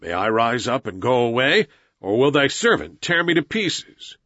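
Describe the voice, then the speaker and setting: A man's voice: mid-range voice, very animated, normal speed, bright, forceful tone, no room sound, muffled recording. A man voicing a frightened, servile old village hunter in a storybook, pleading humbly. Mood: fearful.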